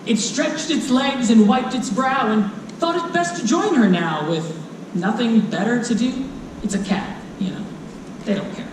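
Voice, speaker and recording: At a convention, a storyteller performs a children's book of rhymes live in a performance room, captured in a distant, roomy, echoing hall recording with noise. The expressive reading is slow, playful and theatrical, with big pitch swoops, drawn-out delivery, dramatic moments and asides.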